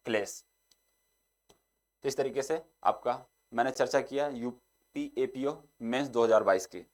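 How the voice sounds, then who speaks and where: A young man teaching an exam-prep lesson. He keeps repeating the same short filler and reads each example sentence slowly. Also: medium pitch, a little mellow.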